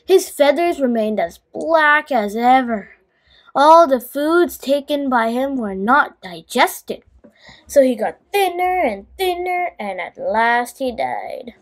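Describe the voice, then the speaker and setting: Her voice high, a woman hosts a children's bedtime story, reading it aloud to young listeners in an expressive, unhurried way.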